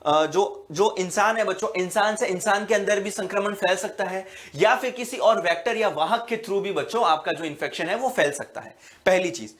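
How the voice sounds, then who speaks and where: High-voiced male biology teacher. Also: fairly bright tone. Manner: explains slowly, repeating "बच्चों" and "है ना" often; fills pauses with "अ" and restarts words. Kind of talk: online exam-prep lecture.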